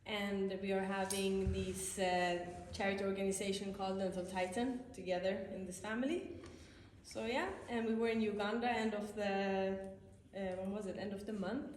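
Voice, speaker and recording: A woman's voice: medium pitch, steady tone, moderate pace, darkish tone. A woman introduces herself plainly and directly. Her voice rings in a reverberant hall. Only faint noise sits behind her. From Sweden. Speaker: guest.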